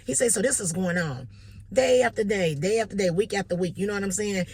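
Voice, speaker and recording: A woman vlogger with a Detroit accent, telling a motivational story in a casual, animated way and often checking in with "you know what I'm saying.". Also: mid-range voice, a little fast, slightly rough, no room sound.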